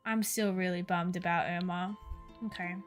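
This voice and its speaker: A woman's voice: on the low side, fairly even intonation, normal speed, soft background music, voice pushed down, close to an everyday voice. A woman voicing an earnest, slightly anxious young doctor in a game.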